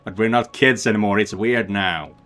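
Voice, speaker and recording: A man's voice: on the low side, normal speed, a bit bright, faint music behind, voice pushed down, natural voice. A man voicing an irritated, sulky younger sister brushing off her sibling. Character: grumpy annoyed younger sister, young woman.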